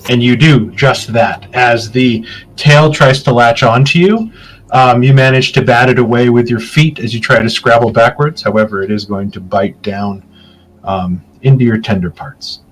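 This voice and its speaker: A man narrating a tabletop game as game master, describing scenes in a relaxed way with filler ums. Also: mid-range voice, normal speed, slight background noise, low-quality recording.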